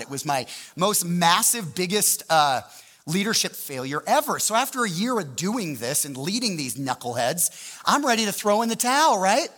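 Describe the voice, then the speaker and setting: A man's voice: high-pitched, a bit bright. A man preaching a sermon as pastor, telling stories animatedly and asking the audience rhetorical questions. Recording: long hall reverb.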